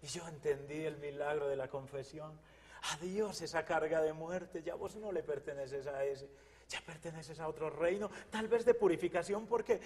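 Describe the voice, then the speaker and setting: A man's voice: fairly high pitch, darkish tone, big-room sound. A man from Colombia gives an earnest, fervent religious testimony, often repeating his phrases. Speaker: testimony guest.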